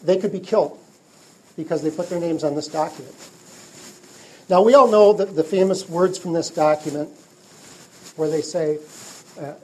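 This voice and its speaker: A middle-aged man giving a speech to a trade group, telling stories in a halting way with many fillers and restarts. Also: on the high side, warm tone, slight background noise, poor audio. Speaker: speaker addressing a trade group. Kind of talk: public speech with storytelling.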